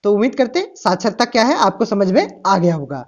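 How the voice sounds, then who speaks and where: A woman's voice: mid-range voice, very animated, fast talker. A woman teaching an exam-prep lesson to students, often asking a question and then answering it herself. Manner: explains with rhetorical questions, repeats "ठीक ना" and "प्यारे बच्चों". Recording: dull lo-fi recording.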